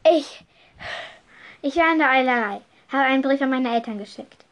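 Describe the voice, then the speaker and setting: A stammering young wizard boy, played by a woman telling a story. His voice sits a little higher than the narrator's and he rushes through his words in a fluster. It sounds like a storybook read aloud. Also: darkish tone. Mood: anxious. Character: excitable young schoolboy wizard.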